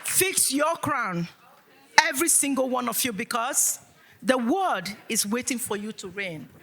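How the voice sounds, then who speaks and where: Woman from Africa, motivational keynote speaker, high and animated, preacher-like call and response. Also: moderate pace, vocal fry, a faint crowd.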